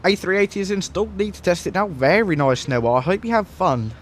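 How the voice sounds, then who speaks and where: A man chatting casually on a flight sim livestream, relaxed and laughing often, speaking into a headset mic. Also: high voice, fairly quick, a little hiss or hum. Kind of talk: casual livestream chat while flying. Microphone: headset microphone.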